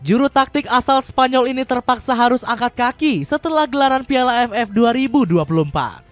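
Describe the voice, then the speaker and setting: A woman narrating scripted football news as a voice-over, in a steady read-aloud delivery that drops in pitch at sentence ends. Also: brisk, faint music behind.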